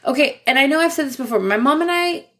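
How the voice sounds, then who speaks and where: A woman's voice: high voice, animated, quick pace, bright, forceful tone. Chatty young woman telling a story. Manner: chatty, laughs often, many likes and ums. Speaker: podcast co-host. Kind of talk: casual storytelling chat.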